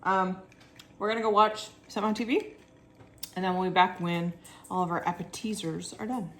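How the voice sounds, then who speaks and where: A woman's voice: lowish voice, fairly even intonation, brisk, background noise. A woman chatting casually in a home vlog, describing food and drinks to the camera. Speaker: vlogger. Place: home indoors.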